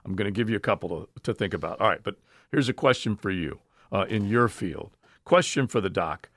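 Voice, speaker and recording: A man's voice: fairly low pitch, expressive, fairly bright tone, dry recording. A man hosting a sports radio show, telling stories and jokes in a casual chat. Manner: jokey, storytelling, quick bursts. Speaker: sports radio host and golf announcer.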